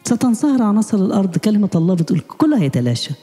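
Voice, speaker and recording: Fast-talking Egyptian man preaching, very dark voice. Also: high-pitched, big pitch swings, big-room sound, faint music behind. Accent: Egyptian Arabic. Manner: rapid searching questions, pleading. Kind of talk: spiritual sermon.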